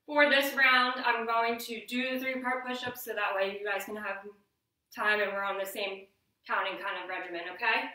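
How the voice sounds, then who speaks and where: A woman's voice: on the high side, fairly even intonation, moderate pace, sharp tone. A woman in her thirties coaching a home workout like an aerobics instructor, encouraging and counting reps aloud, in a living room away from the mic. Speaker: fitness instructor. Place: living room with wooden floor. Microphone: camera mic from a few metres. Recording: very echoey room, distant mic.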